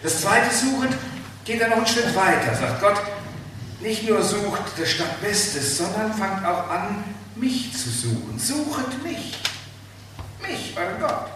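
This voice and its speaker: A man preaching a sermon, emphatic and animated, asking the listeners rhetorical questions. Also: sits high, slow pace, distant mic. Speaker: pastor. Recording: very echoey hall, speaker off-mic, faint room noise.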